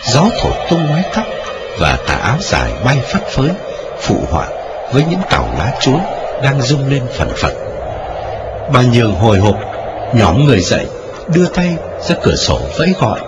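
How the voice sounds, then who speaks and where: A man's voice: wildly swooping pitch, moderate pace. Dramatic male ghost-story narrator. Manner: dramatic storytelling with wide swings in pitch. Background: music.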